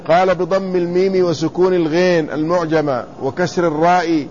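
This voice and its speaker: A man teaching a lesson in classical Arabic, reading quoted commentary and then explaining it, repeating words slowly to spell out their vowels. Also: high-pitched, steady tone, darkish tone. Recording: slightly dull lo-fi recording with faint room noise.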